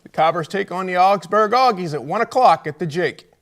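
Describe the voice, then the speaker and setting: An American-accented man hosts a college football coaches' show, asking his guests conversational interview questions. His voice is high-pitched and expressive, fairly bright in tone, and a little fast.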